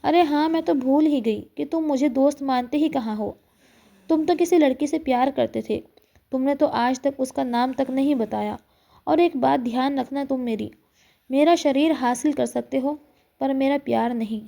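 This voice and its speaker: Resentful young widow for an audio story, voiced by a woman, high and soft, tearful pleading. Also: moderate pace, gravelly.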